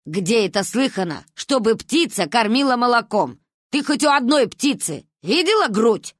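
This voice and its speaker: A woman voicing a stern, sharp-tongued grandmother who grumbles and mocks. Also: mid-range voice, lively intonation, brisk, no room sound, clean studio sound, close to an everyday voice. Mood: scolding.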